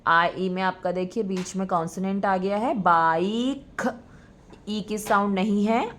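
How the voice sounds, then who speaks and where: A woman's voice: mid-range voice, fairly even intonation, fairly bright tone. A woman with an Indian accent teaching a phonics lesson, mixing Hindi and English and drawing out each word as she reads. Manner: drawn-out, stretched word reading; mixes Hindi with English words. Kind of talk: slow classroom-style phonics lesson.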